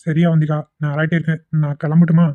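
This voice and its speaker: Cartoon: flat-voiced, quick young husband, a man voicing him, caring, tinny dry recording. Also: on the high side, no echo, natural voice. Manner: concerned, coaxing. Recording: tinny, dry phone-like audio.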